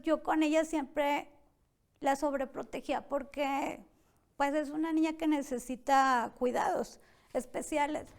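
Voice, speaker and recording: Guest: young woman, high voice, tense personal testimony told with many quoted exchanges. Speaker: interview guest.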